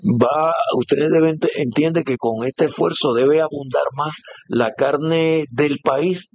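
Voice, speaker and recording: A man's voice: fairly high pitch, slow. A man interviewing a guest, asking chatty questions with many fillers. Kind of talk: on-site interview.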